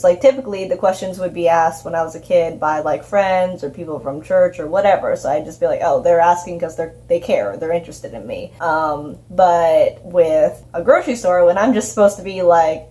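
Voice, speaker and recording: Meet a young woman in her twenties with a lowish speaking voice. She rambles through personal stories in easy conversation, full of "like" and "um". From United States. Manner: relaxed, chatty, leans on "like" and "um". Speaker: co-host. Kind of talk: casual personal storytelling.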